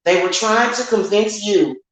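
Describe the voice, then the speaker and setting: An American woman who works online as a witch and spiritual reader delivers an unscripted vlog monologue to her viewers in a very echoey, reverberant room. She's candid, emphatic and colloquial, and she repeats her points. Her voice is mid-range and her pace measured.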